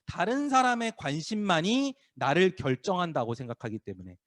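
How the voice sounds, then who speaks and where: A man's voice: sits high, normal speed. A man preaching a casual, playful sermon to middle schoolers as youth pastor, acting out voices as he goes. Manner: lively, acts out crowd voices, teasing students by name. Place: small church worship room.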